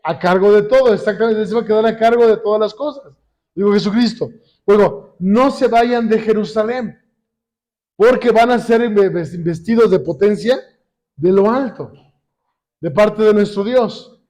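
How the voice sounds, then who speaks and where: A man teaching a Bible lesson to a congregation, often pausing to quiz them with call-and-response questions and slowing down when he quotes scripture. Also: high-pitched, a little mellow. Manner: slows down when quoting scripture. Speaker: church teacher. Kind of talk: sermon-style Bible lesson.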